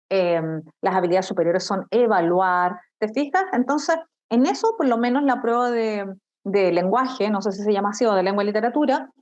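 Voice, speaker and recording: Woman, Chilean accent, teacher, study lesson, fairly high voice, dull recording. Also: darkish tone. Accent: Chilean Spanish. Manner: explanatory, addresses students directly with frequent checks.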